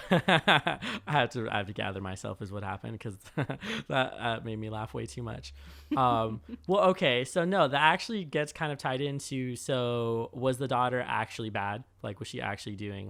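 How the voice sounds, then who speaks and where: A man co-hosting a podcast in casual chat, laid-back and quick to laugh. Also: mid-range voice, creaky, fairly bright tone. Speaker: podcast co-host.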